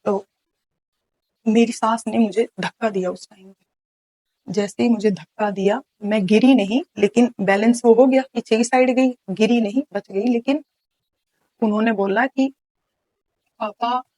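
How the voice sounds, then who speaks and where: A woman's voice: a little high, steady tone, a little slow, long pauses, a little mellow, dry recording, low-quality recording. Woman from Haryana recounting her hard past. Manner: earnest, recounting events with many restarts and quoted dialogue. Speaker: guest telling her life story. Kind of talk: personal storytelling interview.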